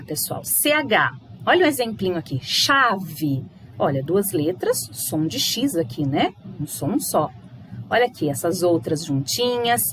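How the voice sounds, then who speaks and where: A woman's voice: medium pitch, a little hiss or hum. A Brazilian woman teaching a primary school language lesson to children in a coaxing, sing-song manner. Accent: Brazilian Portuguese.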